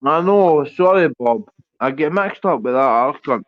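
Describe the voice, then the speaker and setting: A high-voiced man with a rough-and-ready Glasgow street accent argues on a livestream panel. He is confrontational and swears constantly. The sound is a dull, lo-fi voice call. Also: animated, moderate pace, no echo. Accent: Glasgow Scottish. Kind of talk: heated livestream argument. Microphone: online panel call.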